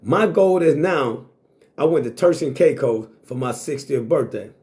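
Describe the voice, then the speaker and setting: A sixty-year-old man talks straight to the camera in a blunt, boastful way, swearing freely and circling back to the same points. His voice sits at a middle pitch for a man. It is a casual, unscripted monologue. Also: animated, a little slow, darkish tone. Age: 60s. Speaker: vlogger.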